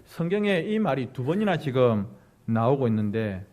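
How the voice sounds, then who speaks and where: A man, preaching a sermon in a church and acting out harsh and gentle quoted lines. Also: medium pitch, very animated, moderate pace. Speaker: pastor. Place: church sanctuary.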